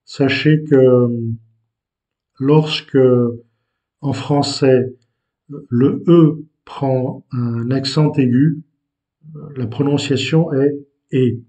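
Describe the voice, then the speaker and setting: A man teaching vocabulary to learners, patient and explaining with hesitant pauses. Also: mid-range voice, fairly even intonation, warm tone. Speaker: language teacher.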